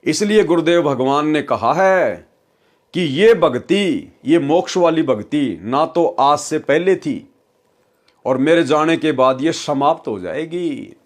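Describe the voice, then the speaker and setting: A man's voice: fairly high pitch, animated, a little slow. Earnest man asking rhetorical questions. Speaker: follower presenting the sermon. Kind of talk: devotional talk.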